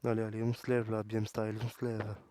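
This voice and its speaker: A man commentating his wrestling video game, excitable and talking back to the characters on screen. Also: lowish voice, fast, no room sound. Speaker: gaming YouTuber. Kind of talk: let's play commentary.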